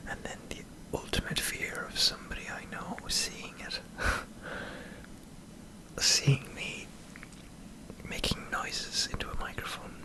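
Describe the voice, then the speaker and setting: An Irish man in a hesitant, self-deprecating ASMR ramble, speaking in a breathy whisper close to the microphone. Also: a little slow, pauses often, low-quality recording. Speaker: ASMR video creator. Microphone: close microphone in front of a camera.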